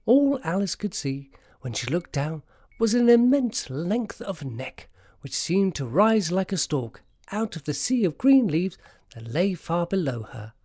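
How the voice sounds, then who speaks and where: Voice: medium pitch, sing-song, measured pace, a little mellow, no room sound, studio quality. A narrator reading a scripted story in an audio adaptation.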